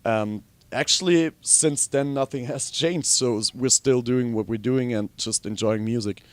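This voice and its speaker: Young Austrian-born musician, chatty and dry. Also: male voice, medium pitch, measured pace, no echo. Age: young adult. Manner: relaxed, rambling, frequent ums. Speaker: guitarist and singer. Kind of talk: casual interview.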